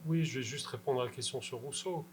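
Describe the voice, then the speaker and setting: A man answers questions after a lecture in a fairly quick, medium-pitched voice, emphatic and insistent, checking in with his audience through a rhetorical "d'accord?". The low-quality recording carries slight background noise.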